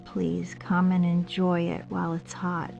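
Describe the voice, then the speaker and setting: A woman playing a polite, formal, softly insistent host of a secluded house in a scripted drama. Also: fairly low pitch, monotone, measured pace, gravelly, lo-fi sound, soft background music. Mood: courteous, inviting.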